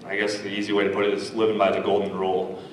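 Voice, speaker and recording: A man giving halting, hesitant interview answers on a stage. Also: fairly low pitch, completely flat delivery, slight background noise. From Michigan, United States. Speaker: contestant. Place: indoor stage. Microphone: handheld mic through PA, recorded by far camera. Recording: echoey stage hall, distant camera.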